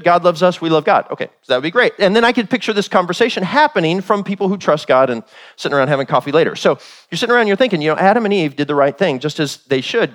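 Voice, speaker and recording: A man preaching a sermon in a conversational manner, full of rhetorical questions and acted-out voices. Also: fairly high pitch.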